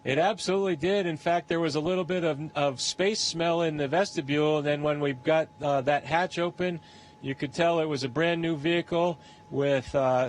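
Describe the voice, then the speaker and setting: Higher-voiced American male astronaut. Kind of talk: press conference answers.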